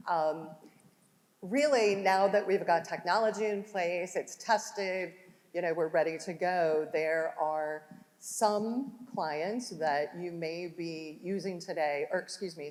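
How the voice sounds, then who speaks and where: A woman with a low voice hosts a question-and-answer session at a business conference. She talks in a loose, conversational way with plenty of ums, and her voice carries a long hall echo. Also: darkish tone. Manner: conversational, filler-heavy. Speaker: panel host. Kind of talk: corporate panel Q&A. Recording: hall reverb from room mic.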